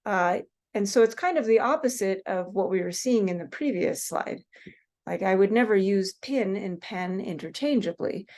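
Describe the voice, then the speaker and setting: Woman with a West Coast US accent, lecturing. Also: mid-range voice. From Seattle, Washington State, US West Coast. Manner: relaxed, many fillers, slows down for example words. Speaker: teacher. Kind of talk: recorded lecture.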